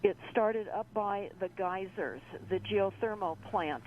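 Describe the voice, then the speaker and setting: A woman calling in to a radio talk show over the phone, speaking in halting phrases full of fillers. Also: medium pitch. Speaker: call-in guest. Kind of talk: casual radio call-in talk. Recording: muffled phone line with faint hiss.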